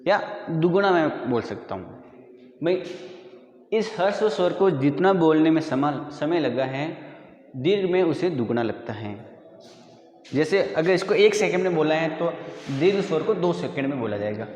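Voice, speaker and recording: A man's voice: on the high side, expressive, normal speed, a little mellow, highs cut off. A male school teacher giving a grammar lesson, patiently repeating definitions and quizzing his students. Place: school classroom. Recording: echoey room with long reverb.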